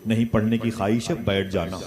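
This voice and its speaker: Male preacher, low voice, storytelling sermon, prompts the crowd; crowd audible behind. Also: steady tone, a little fast. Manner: storytelling, calls for responses.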